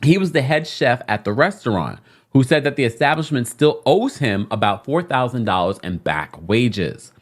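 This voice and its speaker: A woman's voice: a bass voice, very animated, normal speed. A woman from London reading a news article aloud on a podcast, breaking off with indignant asides. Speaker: podcast co-host.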